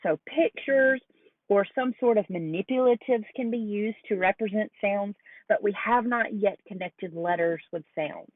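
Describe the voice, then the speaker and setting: A woman delivers a recorded lecture, pausing to sound out words slowly and deliberately. The audio is thin and phone-like, and the room is dry. Her pitch sits in a middle range. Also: no echo. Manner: slow, deliberate modeling of sounds. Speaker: teacher educator.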